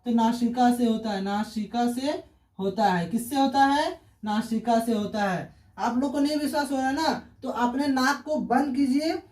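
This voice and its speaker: A man's voice: very high voice, normal speed, darkish tone. A male teacher, giving an online grammar lesson. He asks questions and answers them himself, repeating key terms. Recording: roomy echo, distant from the mic.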